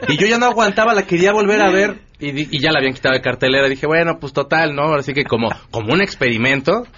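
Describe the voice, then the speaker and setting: A man's voice: fairly high pitch, animated, fast talker, bright, forceful tone. A man with a Mexican accent telling an amused story in a casual radio chat. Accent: Mexican Spanish. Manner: amused anecdote teller. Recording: dull lo-fi radio audio.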